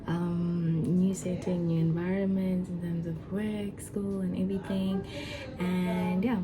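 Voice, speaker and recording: A woman in her twenties talking casually to camera as a vlogger, chatty and excited, with many fillers and restarts. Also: on the low side, slow pace, over music, rough recording. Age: 20s. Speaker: vlogger and foundation founder.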